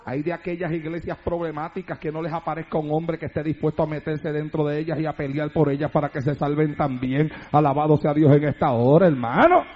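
A man preaching a fervent radio sermon from a church altar, emphatic and often shouting. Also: on the high side, level tone, quick pace, hardly any pauses. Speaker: pastor. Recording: dull lo-fi radio broadcast recording.

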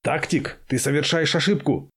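A man voicing an agitated male rebel crewman who shouts urgent warnings. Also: a little high, normal speed, breathy edge.

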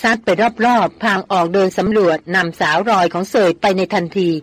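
A reader tells an adventure novel in a steady, measured way, voice pitched in the middle. The recording is dry and close, with no room echo. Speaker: audiobook reader. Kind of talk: scripted narration of a novel.

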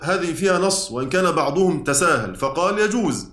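A man's voice: fairly high pitch, animated, quick pace, fairly bright tone. A man with an Egyptian Arabic accent teaching a class on Quran orthography, explaining step by step and often checking that his students follow. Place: lecture room at an institute. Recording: roomy hall echo from a distant mic.

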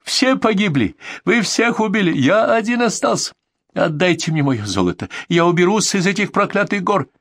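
A man's voice: high-pitched, very animated, moderate pace, fairly bright tone, dry recording, studio quality, voice pushed up, exaggerated voice. A man reading an audiobook, voicing a desperate, hysterical bandit who screams threats at a camp. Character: hysterical knife-wielding male bandit, desperate.

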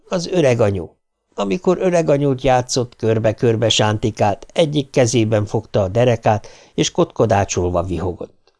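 A man narrating an audiobook in a calm, measured way. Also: on the low side.

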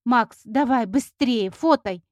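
A spoiled, excitable rich young woman with a slow, haughty drawl and a bright, high voice, as a woman reads her out. The sound is close and dry, like a storybook read at the mic. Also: no echo. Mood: excited shriek.

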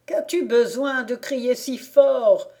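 A woman reading the part of a sly, stubborn old peasant man who mutters to himself, in a slow storybook reading. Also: very high voice, dark tone, voice pushed up, full character voice. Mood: wary.

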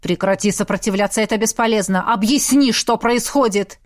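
A woman's voice: medium pitch, a little fast, lightly acted. A woman voicing an angry young male mage who barks stern commands.

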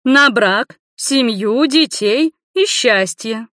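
A woman voicing a loud, domineering grandmother over eighty who scolds her family in a commanding, reproachful way. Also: fairly high pitch, sing-song, normal speed, no room sound, studio quality, voice pushed up.

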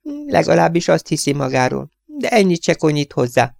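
A man's voice: fairly high pitch, very animated, gravelly, no echo, pitched above the performer's own voice. A man voicing a young dental nurse who whispers scornful gossip about the dentist. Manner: hushed, gossiping, dismissive.

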